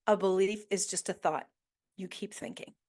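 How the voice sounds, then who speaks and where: A woman's voice: medium pitch, level tone, darkish tone. A woman hosting a motivational talk, coaching listeners with earnest questions and emphatic repetition. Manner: slow deliberate delivery with emphatic repetition. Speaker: host.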